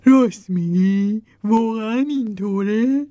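A woman voicing a gentle, gloomy bear in a storybook, speaking softly and hesitantly. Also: medium pitch, no room sound, natural voice. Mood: doubtful. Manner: soft, hesitant and sighing. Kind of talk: storybook voice acting.

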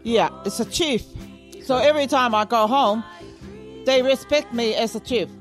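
A woman in her eighties from Samoa, telling stories of her life in a relaxed interview and often repeating herself. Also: fairly high pitch, normal speed, faint music behind. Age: 80s. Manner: warm storytelling, repeats herself. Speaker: interview guest. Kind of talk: casual interview.

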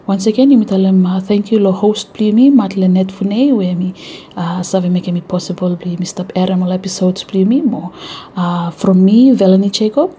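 A woman's voice: mid-range voice, moderate pace, warm tone, a little hiss or hum. A woman with a Vanuatu accent hosting an informal educational radio talk in Melanesian pidgin mixed with English. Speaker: radio show host.

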